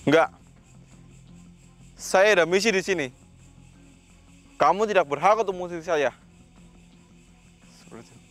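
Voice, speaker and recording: A man with a slightly high voice hosts a ghost-hunting vlog. He sternly questions an unseen spirit and breaks off to murmur Islamic prayers. Faint music plays underneath. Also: moderate pace, long pauses, a bit bright. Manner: commanding, confronting an unseen spirit. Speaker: paranormal investigator host.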